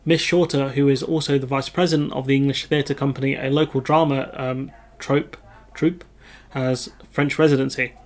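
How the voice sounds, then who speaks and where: Casually commenting as he reads out a news item, this UK video host rambles, corrects himself, and says um a lot. He speaks at a normal speed with a flat delivery in a mid-range voice.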